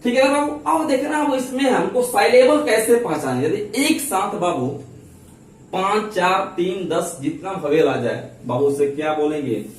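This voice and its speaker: Hindi-accented male grammar teacher, high voice, quizzes himself aloud, recorded far off in a very echoey room. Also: unhurried, slight background noise. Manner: keeps asking questions and answering them himself; calls listeners babu and chhotu affectionately. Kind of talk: classroom-style grammar lesson. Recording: very echoey room, mic at a distance.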